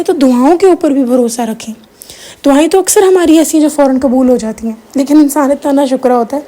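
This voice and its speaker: A woman's voice: high-pitched, dark tone. A woman giving an informal religious talk to her viewers, chatty and personal, slipping English words in as she tells stories. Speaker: religious teacher.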